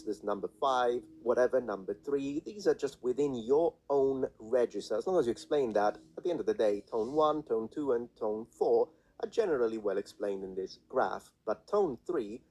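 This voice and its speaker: A man's voice: medium pitch, lively intonation, normal speed, few pauses, mellow, breathy edge, poor audio. A man teaching pronunciation in a played video, demonstrating sounds and confidently dismissing what he calls nonsense. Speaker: language teacher. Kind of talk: explanatory lesson in a played video.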